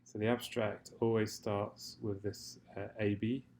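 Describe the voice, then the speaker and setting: Male tutorial presenter, gravelly and fairly even in pitch, hesitant, fumbling for words, keyboard clicks behind. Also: measured pace. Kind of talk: improvised screen-recorded software walkthrough. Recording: faint noise, keyboard typing and clicks. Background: computer keyboard typing and mouse clicks.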